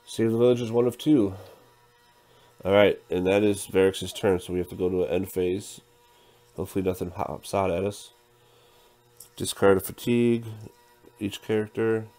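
A man's voice: low-pitched, fairly even intonation, normal speed, faint music behind. A man casually talking through a tabletop game playthrough, counting dice aloud and reading the game text. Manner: counts dice out loud, thinks through moves.

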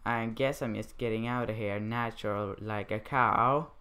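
A man's voice: lowish voice, steady tone, normal speed, pushed and bright, smooth. A man giving goofy, playful, rambling let's play commentary as he plays. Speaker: gamer.

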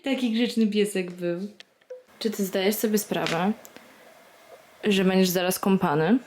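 A woman's voice: mid-range voice, steady tone, a little slow, a little mellow, roomy sound, slight background noise. A woman vlogging at home, cooing at her dog in baby talk. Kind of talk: casual home vlog.

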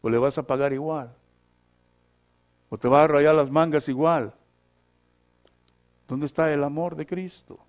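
A man, the pastor, preaching a sermon, who keeps checking in with short questions and swings between loud, emphatic lines and quiet asides. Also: on the high side, fairly even intonation, a little slow, long pauses, highs cut off. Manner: repeats scripture references for the congregation.

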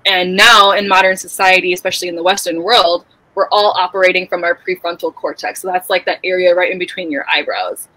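A woman speaking as a podcast guest in a candid, animated way, with casual swearing. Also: on the low side, fairly quick, few pauses, no room sound, rough recording.

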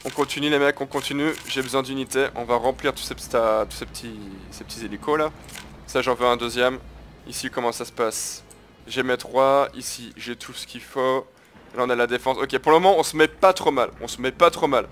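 Soft music plays behind a man narrating a strategy match for his gaming video, chatty and crude, full of slang and constantly addressing viewers as guys. He talks briskly at a medium pitch, with fairly even intonation and a fairly bright tone.

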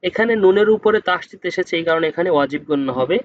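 A man with a high voice gives a patient spelling lesson in Quran reading. He breaks each word into letters and vowel marks, then draws out the full word slowly. The sound is close and dry, with dull, slightly lo-fi quality. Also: no echo.

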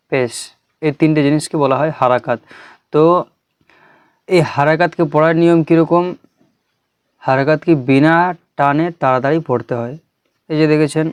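A man teaching a Quran reading lesson on video, explaining step by step with patience and reciting letter drills slowly. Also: fairly high pitch, a little mellow, clear, resonant tone, no echo, studio quality.

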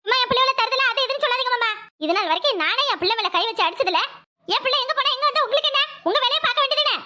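A woman's voice: extremely high pitch, animated, very fast, sharp tone. A woman voicing a mother who defends her children to her father-in-law, with a southern Tamil Nadu accent. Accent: southern Tamil Nadu, Tirunelveli-Kanyakumari. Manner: pleading, then firmly defiant. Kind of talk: cartoon voice acting.

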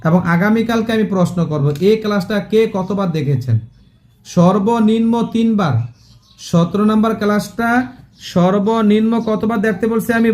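Slow, high-voiced man drilling a Quran class. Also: darkish tone. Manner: slow, repetitive drilling with questions to students. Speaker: Quran recitation teacher. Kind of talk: live online class lesson.

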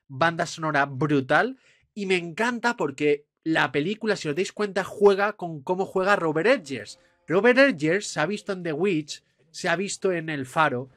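A young man with a Spain Spanish accent, hosting an excited film trailer reaction, gushing and swearing. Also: a little high, no room sound, clean studio sound.

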